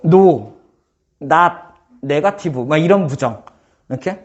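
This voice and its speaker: A man teaching math in a casual one-on-one lesson, firing quick questions at his student and joking. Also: on the high side, animated, dull audio. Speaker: math tutor.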